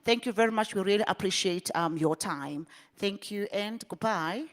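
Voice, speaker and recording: A woman's voice: mid-range voice, moderate pace. A woman hosting a public forum, moderating questions with many fillers and restarts. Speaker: event host. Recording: reverberant hall.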